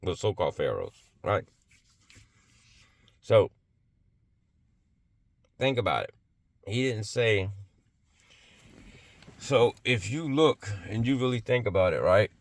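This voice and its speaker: A man's voice: fairly low pitch, very animated, takes it slowly, long pauses, no echo. A man giving an impassioned religious monologue, emphatic and blunt, firing off rhetorical questions and swearing freely.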